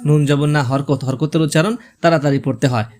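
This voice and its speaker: Male tutor, higher than usual pitch, spells letters and marks one by one, slow recited words. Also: fairly even intonation, a little mellow. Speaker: Quran reading teacher. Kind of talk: step-by-step recitation lesson.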